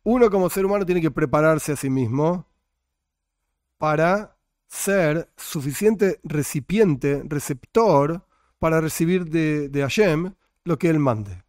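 A man's voice: a little high, expressive, takes it slowly, darkish tone, dry recording, studio quality. A man teaching a religion class, full of rhetorical questions and jokey asides. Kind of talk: classroom lecture.

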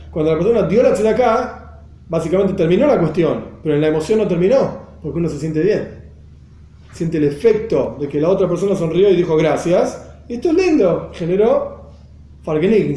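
Male teacher, high mellow voice, patient explainer, echoey room. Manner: explanatory, repeats phrases, mixes in Hebrew and Yiddish terms. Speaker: Torah teacher.

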